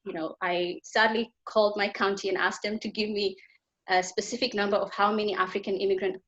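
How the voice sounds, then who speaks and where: A woman's voice: mid-range voice, a little fast. Woman from Somaliland, raised in Tanzania, earnest panel speaker, slightly dull video-call sound. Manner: earnest, animated storytelling with laughs. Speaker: founder of a nonprofit. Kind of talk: panel discussion.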